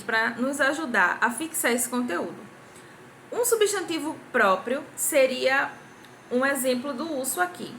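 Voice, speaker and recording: Bright-voiced Brazilian woman teaching children. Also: a little high, a little hiss or hum. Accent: Brazilian Portuguese. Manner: patient, claps out syllables, asks the class questions. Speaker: primary school teacher. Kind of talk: recorded grammar review lesson for children.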